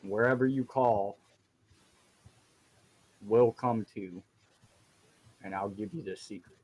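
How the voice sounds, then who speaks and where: A man voicing a male dwarf who speaks in a formal, measured and guarded way. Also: lowish voice, a little mellow, breathy edge.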